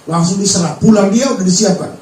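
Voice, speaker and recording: A man's voice: high-pitched, quick pace, a little mellow, a little hiss or hum. A male pastor preaching a sermon, emphatic and full of rhetorical questions, recorded from a distance in a church hall. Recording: roomy hall sound from far off.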